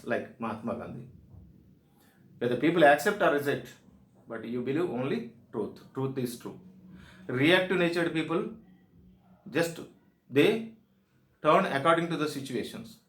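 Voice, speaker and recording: A man with a South Indian accent giving an instructional presentation as a soft skills trainer, speaking emphatically in short, repeated declarative phrases. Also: medium pitch. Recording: echoey room sound.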